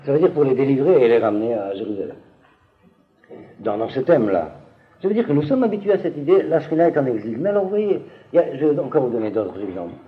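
A man teaching a class on biblical texts, hesitating and restarting, often asking the listeners whether it is clear. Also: medium pitch, very animated, fast talker, phone-quality sound.

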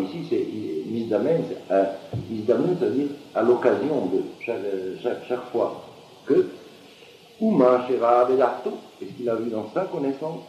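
A man giving a university lecture on Talmud, lively and questioning, with many hesitations and restarts. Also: mid-range voice, slight background noise. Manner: lively, questioning, uses Hebrew and Aramaic terms. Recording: muffled roomy lecture recording.

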